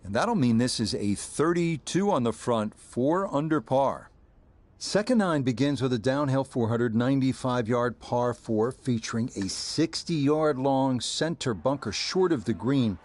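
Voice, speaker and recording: A man playing a composed golf commentator, with measured, scripted broadcast delivery and folksy asides, in a video game. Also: medium pitch, expressive, darkish tone, natural voice. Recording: crowd ambience and clear background noise. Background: golf crowd ambience.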